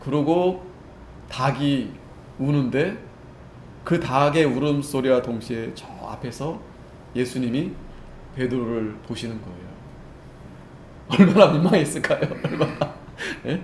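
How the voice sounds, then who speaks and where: A male pastor preaching a Sunday sermon in a conversational way, often checking in with the congregation and swinging between loud and soft as he acts out the story. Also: fairly high pitch, a little hiss or hum. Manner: conversational, keeps checking with listeners. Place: church sanctuary. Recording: echoey church room, faint ambience.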